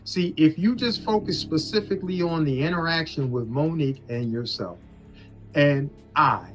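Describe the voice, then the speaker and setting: Arguing over the phone, a man insists on his point and lectures the other party. His voice is a little high and a bit bright, at normal speed. This is a leaked phone call with music beneath it.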